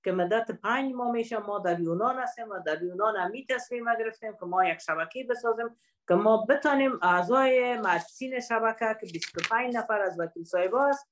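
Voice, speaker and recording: A woman speaking at an online panel, talking quickly with drawn-out fillers between phrases. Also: fairly high pitch.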